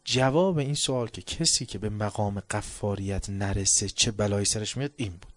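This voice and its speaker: Hushed male preacher telling a story. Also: no echo. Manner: storytelling, low and hushed on reflective passages. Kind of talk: sermon.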